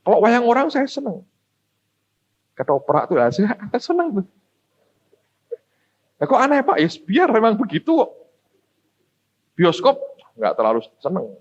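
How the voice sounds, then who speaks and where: Animated high-voiced pastor preaching. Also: male voice, unhurried, long pauses. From Semarang, Central Java. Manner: animated, folksy, addresses the congregation directly. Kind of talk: sermon storytelling. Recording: dull lo-fi recording.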